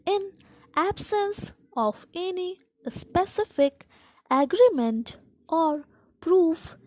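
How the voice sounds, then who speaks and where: Slow, high-pitched woman reading dictation. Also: expressive, a little mellow, no echo, low-quality recording. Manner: deliberate, halting phrase-by-phrase reading. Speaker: dictation instructor. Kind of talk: slow school dictation, read aloud in short measured phrases.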